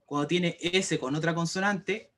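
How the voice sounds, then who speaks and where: High-pitched man teaching grammar. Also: measured pace, a bit bright. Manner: patient, repeats rules and checks understanding. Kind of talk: explaining grammar rules to a class. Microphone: computer mic for an online class.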